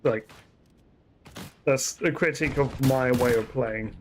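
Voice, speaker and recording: A man's voice: mid-range voice, slow pace, a little hiss or hum. A man giving casual, rambling commentary while streaming a shooter game, often correcting himself mid-sentence. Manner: chatty, rambling, self-correcting asides.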